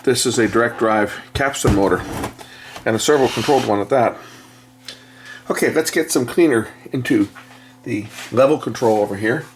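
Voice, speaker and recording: An electronics repair technician who hosts videos speaks in a mid-range voice at normal speed, leaving long pauses, with a little hiss or hum on the recording. He gives a casual, hands-on repair demonstration and explains things matter-of-factly.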